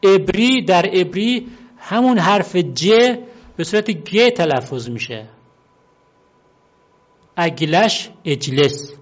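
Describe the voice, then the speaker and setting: A man giving an unhurried, explanatory talk on word origins, often pausing to repeat and spell out words. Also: high voice, expressive. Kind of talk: explanatory monologue. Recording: dull lo-fi recording.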